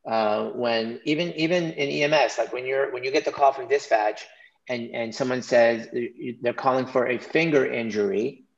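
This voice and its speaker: A man's voice: medium pitch, normal speed, vocal fry. A man speaking as a physician panelist in an online case discussion, thinking aloud and restarting his sentences often. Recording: roomy, dull, lo-fi audio.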